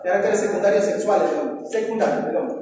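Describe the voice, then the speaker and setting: High-voiced male teacher in an echoey hall. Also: fast, darkish tone. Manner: quizzes students, tags lines with "¿no?". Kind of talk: classroom review lecture. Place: classroom. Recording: echoey hall, voice from far off, faint noise.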